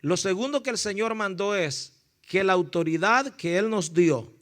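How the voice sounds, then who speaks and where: High, bright-voiced male preacher. Fervent, calls listeners "brother", swings from shouting to storytelling. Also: moderate pace. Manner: addresses listeners as "hermano". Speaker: pastor. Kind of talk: sermon.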